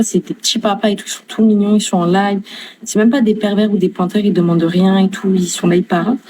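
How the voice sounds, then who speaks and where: A woman's voice: lowish voice, dark tone, slight background noise, low-quality recording. A woman casually chatting on her live stream, talking in loose slang, swearing freely, answering her chat and fumbling for English words.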